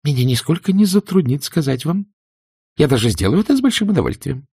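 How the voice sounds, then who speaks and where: A man's voice: fairly high pitch, very animated, fast, vocal fry, dark tone, husky, dry recording, studio quality, voice pushed up, full character voice. Icy hateful spinster, as a man puts her on. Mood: cold. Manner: icy, trembling with anger. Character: cold, hateful spinster woman.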